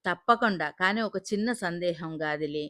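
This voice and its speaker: A courteous male writer in an audio story, asking gentle, probing questions, as a woman narrator puts him on. The sound is close and dry. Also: lowish voice, moderate pace, no echo. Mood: curious. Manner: polite, inquiring.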